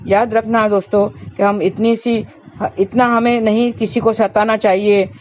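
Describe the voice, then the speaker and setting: A woman's voice: mid-range voice, little pitch movement, unhurried, darkish tone, a little hiss or hum. A woman telling a moral story in a preachy, repetitive way and addressing listeners as friends, in a slightly dull recording. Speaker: astrologer and storyteller.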